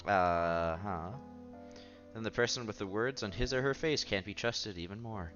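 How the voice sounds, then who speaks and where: A man whose voice runs on the low side reads a visual novel's text aloud during a stream at a moderate pace, with casual side comments and the odd slip. The recording sounds dull and lo-fi, with the visual novel's music in the background.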